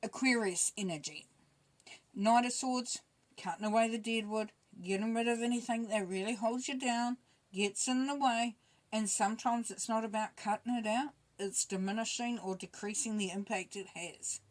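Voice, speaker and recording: A woman giving a casual spoken tarot reading, relaxed and chatty, thinking aloud as she goes. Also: a little high, moderate pace, poor audio. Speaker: tarot reader.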